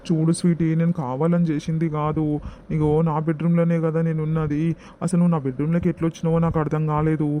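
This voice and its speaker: A guilty husband pleads and begs in a flat, unvarying voice, played by a man. He speaks with a Telangana accent in a dark, dull tone, a touch higher than most men, in a homemade comedy skit. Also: quick pace, slight background noise, close to an everyday voice. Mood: pleading. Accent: Telangana Telugu. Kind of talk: village comedy skit acting.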